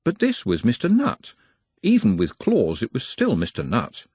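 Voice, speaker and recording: A man narrating an audiobook in a measured storytelling manner, with a husky voice. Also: medium pitch, wildly swooping pitch, a little mellow, no room sound. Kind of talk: scripted narration.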